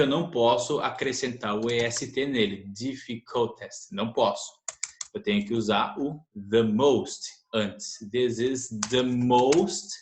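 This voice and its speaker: A man teaching an English grammar lesson, explaining patiently and repeating the key points. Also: mid-range voice. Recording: echoey room, faint noise.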